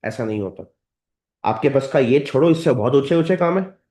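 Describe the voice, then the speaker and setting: A man's voice: medium pitch, lively intonation, normal speed, dark tone. A man with an Indian accent giving a motivational training talk, lecturing his audience directly and calling them sir and madam. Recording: roomy echoey hall.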